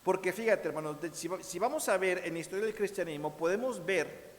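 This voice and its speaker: A Mexican pastor delivers an animated sermon in a church, his voice set a little high for a man. He keeps turning to the congregation and acting out little quotes. The sound carries a long reverb from the sanctuary. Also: brisk. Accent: Mexican Spanish. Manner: animated preaching, repeats "hermanos míos", acts out quotes.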